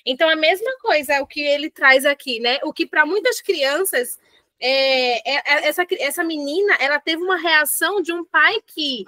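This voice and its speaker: A middle-aged woman leads a parenting book club, mixing casual reflection with passages read aloud. Her voice sits high and sounds bright. The recording is dry, with no room sound. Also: moderate pace, dry recording. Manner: animated, uses fillers like "né" and "assim", reads quotes aloud.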